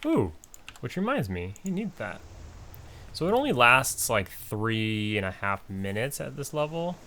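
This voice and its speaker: A man's voice: mid-range voice, very animated, a little slow, bright, forceful tone. A man giving casual, rambling commentary over his own gameplay, with many fillers and restarts. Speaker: gaming channel host.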